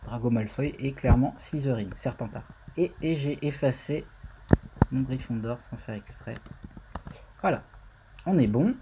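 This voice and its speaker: A man's voice: mid-range voice, animated, measured pace, pauses often, muffled recording, background noise. A man streaming a casual live-coding tutorial, thinking aloud and talking to viewers in the chat.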